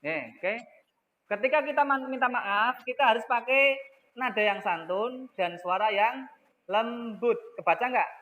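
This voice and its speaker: A man's voice: very high voice, measured pace, bright, forceful tone. A man teaching young children in an online class, speaking patiently and repeating key words, heard through an echoey video call. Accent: Indonesian.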